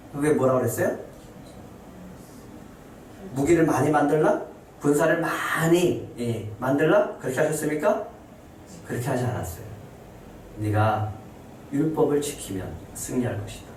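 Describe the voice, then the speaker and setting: A male pastor preaching a sermon to his congregation. He asks them questions and answers them himself, and his voice climbs high and emphatic when he voices scripture. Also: a little mellow. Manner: rising to high emphatic pitch when voicing scripture quotes. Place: church sanctuary. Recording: very echoey, distant, faint hiss.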